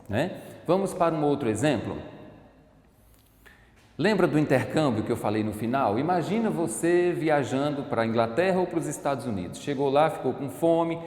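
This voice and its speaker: A man from Brazil teaching an English class, explaining and slowly repeating words for his students. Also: medium pitch, a little mellow. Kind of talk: recorded online class lesson. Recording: echoey room with long reverb.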